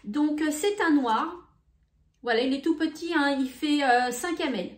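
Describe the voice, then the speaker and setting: A woman showing beauty products in a casual vlog, talking in an unhurried, hesitant way with many fillers. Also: high-pitched, roomy sound. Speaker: beauty vlogger. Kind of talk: casual haul video.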